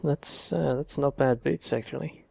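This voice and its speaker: A man's voice: medium pitch, measured pace, creaky, slightly rough, no echo. A young man casually commenting on his game as he plays, thinking aloud. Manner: relaxed, thinking aloud with fillers. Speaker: gameplay commentator.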